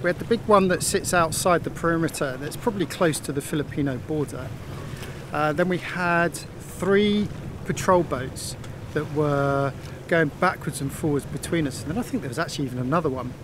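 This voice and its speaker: Filming with a handheld phone at arm's length, a middle-aged sailing vlogger rambles casually with fillers from the deck of a sailboat out at sea. His voice is a little high and moderately paced, and wind, waves and boat sounds fill the background.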